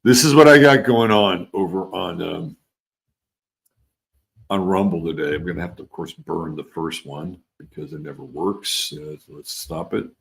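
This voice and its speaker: Low and gravelly, this man speaks at normal speed with an accent mixing California and the East Coast. Hosting a casual livestream, he reads viewer comments and chats in a rambling way, trailing off, starting over, and dropping casual swears.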